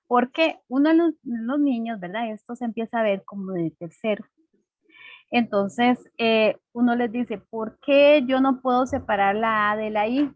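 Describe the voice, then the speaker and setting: A woman's voice: fairly high pitch, measured pace, dry recording. Woman teacher explaining patiently to kids, keeps asking if they follow, dry muffled audio. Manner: checks in with frequent rhetorical questions; patient, simple teaching to children. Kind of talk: classroom explanation.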